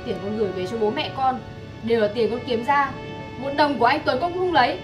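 An actress playing a young daughter-in-law defending herself against a false accusation in a TV drama. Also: female voice, on the high side, fast, lightly acted. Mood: indignant. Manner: defensive, indignant. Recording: distant voice over loud music.

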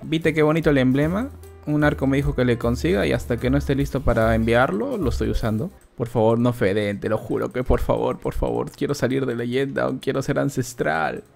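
A young man with a Peruvian Spanish accent giving loud, excitable live commentary on his game, swearing and shouting at teammates. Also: medium pitch, brisk, creaky, soft background music. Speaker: gaming streamer.

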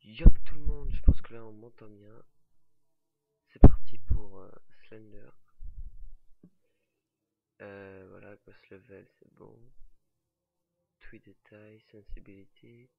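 A man's voice: on the low side, slow, creaky, long pauses, phone-quality sound. A young French man commenting on a horror game in casual chat, nervous and swearing, laughing at himself. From France. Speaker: gamer. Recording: quiet, uneven home mic.

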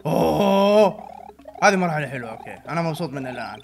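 A young man giving let's-play commentary, switching between muttering and loud outbursts. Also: medium pitch, animated, very fast, faint music behind. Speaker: gaming channel host.

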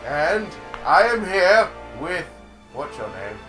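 A young man commentating a video game in casual let's-play banter, loud and goofy, shouting mock-villain boasts. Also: on the high side, very animated, slow pace, music in the background. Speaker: gameplay commentator.

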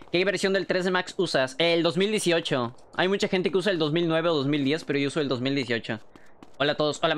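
Fast-talking Mexican young man streaming. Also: fairly high pitch. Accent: Mexican Spanish. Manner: fast, excitable, swears freely. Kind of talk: casual livestream chat.

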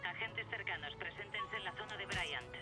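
A man's voice: high voice, normal speed. A man voicing a police dispatcher heard over a police radio in a video game, making clipped, urgent official calls. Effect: police radio transmission. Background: loud game music.

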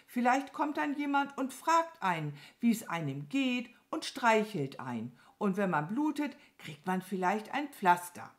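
A woman voicing a gentle, thoughtful cow who talks earnestly. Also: medium pitch, very animated, measured pace, few pauses, pitched above the performer's own voice. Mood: musing. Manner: earnest, musing.

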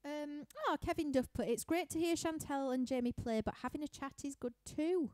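A chatty young woman with a Yorkshire accent rambles through viewer questions from her living room, laughing often and filling pauses with lots of ums. Her voice sits on the higher side yet sounds mellow and dark. The sound is dry and close, with no room echo. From Yorkshire, England. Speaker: musician hosting a live stream Q&A. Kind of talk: casual chat reading viewer questions.

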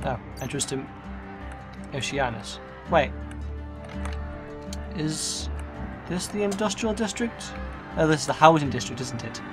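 A man talks his way through a video game in a fairly high voice, muttering to himself and reading signs aloud. His delivery is chatty and loose. Game music plays clearly underneath. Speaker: gaming video host. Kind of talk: gameplay commentary.

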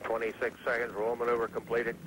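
A man's voice: mid-range voice, completely flat delivery, brisk. A man giving live mission control radio commentary on a launch in clipped, factual, procedural phrases. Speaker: mission control public affairs announcer. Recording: noisy old space launch broadcast.

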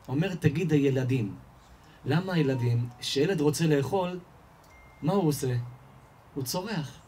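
A man giving a lively Torah lesson to an audience, telling everyday stories and firing rhetorical questions that he answers himself. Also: slight background noise. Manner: animated storyteller, asks and answers his own questions, rises in pitch and volume. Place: live event hall before an audience.

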